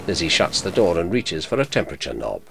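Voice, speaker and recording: A man narrating an audio description in a measured, neutral manner. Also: deep voice, sing-song, vocal fry, fairly bright tone. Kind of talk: scripted narration.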